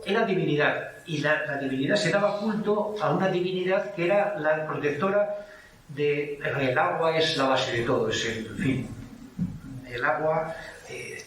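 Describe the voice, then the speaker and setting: Man with an Asturian Spanish accent, digressive lecturer, slightly high voice, picked up from a distance in a reverberant hall. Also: a bit bright, a little hiss or hum. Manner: rambling, digressive, anecdotal. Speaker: book co-author presenting. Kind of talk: lecture-style talk on place names. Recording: echoey hall from far off.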